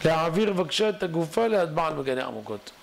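Ghost of a dead man, stern and demanding, gravelly voice, done by a man. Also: on the high side, very animated, slight background noise. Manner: insistent, accusing.

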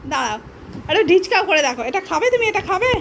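A woman's voice: extremely high pitch, big pitch swings, fast. A woman at home coaxing her pet dog in sing-song baby talk and laughing, then chatting about its treats. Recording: noisy home recording.

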